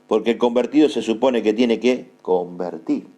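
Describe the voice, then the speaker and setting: A man preaching a sermon in an Argentine accent, emphatic and repeating key phrases slowly for his listeners to note down. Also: lowish voice, mellow. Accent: Argentine Spanish. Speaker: apostle preaching.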